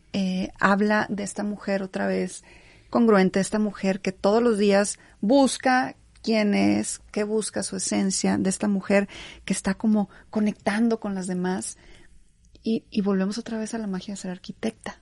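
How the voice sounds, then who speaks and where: A woman's voice: mid-range voice, creaky, darkish tone, no room sound. A woman host interviewing a guest, affirming her and summing up what she says. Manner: affirming, reflective, summarizing. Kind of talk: warm supportive interviewing.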